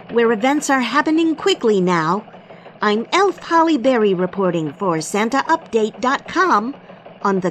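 A woman's voice: a little high, slight background noise. A woman playing an earnest Christmas elf who anchors a scripted radio newscast. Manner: earnest, newsreader delivery. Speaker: news anchor.

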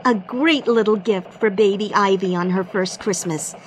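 A woman playing a cheerful Christmas elf who reports the news on radio, earnest and excitable. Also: mid-range voice, moderate pace, slight background noise, close to an everyday voice, poor audio. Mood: touched.

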